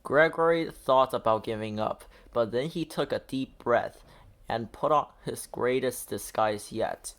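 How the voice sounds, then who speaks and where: A man with a medium-pitched voice reads a children's picture book aloud, telling the story in a deliberate, expressive way.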